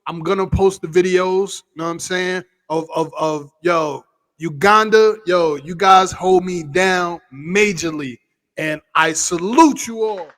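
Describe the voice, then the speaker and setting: A man hosts a casual vlog with an unhurried, drawn-out delivery. His voice sits high and sounds bright and forceful, and he rattles off exuberant, slangy shout-outs to his fans. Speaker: vlog host.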